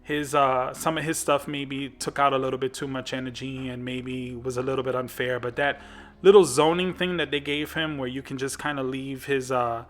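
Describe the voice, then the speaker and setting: A man's voice: mid-range voice, fairly even intonation, normal speed. A man hosting a gaming channel, giving casual commentary on a fighting game, rambling with lots of fillers and restarts.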